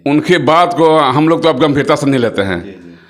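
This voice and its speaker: A middle-aged man, a local politician, speaking forcefully to the press and repeating phrases for emphasis. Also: fairly high pitch, expressive, moderate pace. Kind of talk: impassioned political speech to press.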